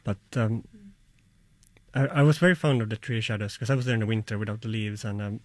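A man from Finland, an artist answering slowly and reflectively, searching for words. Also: fairly low pitch, fairly even intonation, no echo. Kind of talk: interview answers.

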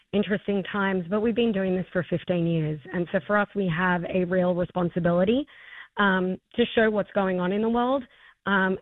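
Over a tinny, dry phone line, a hoarse Australian woman in her forties, one of a festival's co-founders, eagerly fields interview questions with plenty of fillers and restarts. Her pitch is medium, and the recording is dry.

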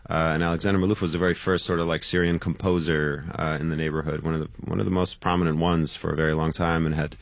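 A man's voice: a bass voice, little pitch movement, quick pace, few pauses, dry recording. A man being interviewed as a guest musician, talking loosely and rambling in casual conversation.

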